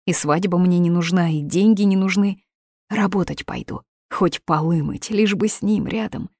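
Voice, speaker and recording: A woman's voice: deep voice, moderate pace, darkish tone, slightly rough, no room sound, clean studio sound. A woman voicing a desperate young woman in love, pleading in urgent outbursts. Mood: frantic.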